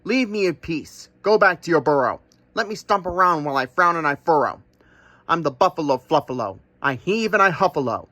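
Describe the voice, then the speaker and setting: Man voicing a grumpy buffalo, huffing, storybook, bright tone. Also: on the high side, expressive, brisk, no echo. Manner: stompy, huffing, rhyming sing-song. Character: grumpy huffy male buffalo, puffed-up fur.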